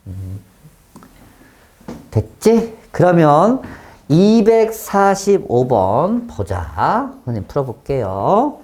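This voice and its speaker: A man teaching a math class, often stopping to check that students follow and switching between polite and blunt speech, with sudden loud exclamations. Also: a little high, wildly swooping pitch, takes it slowly, slight background noise.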